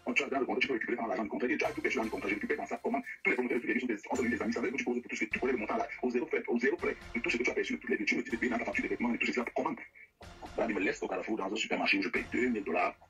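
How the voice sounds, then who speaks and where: A man's voice: medium pitch, racing, pushed and bright, soft background music, rough recording. A man giving a heated personal account in an interview, insistent, often repeating and stumbling over his words. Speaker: guest telling of a money dispute with an artist.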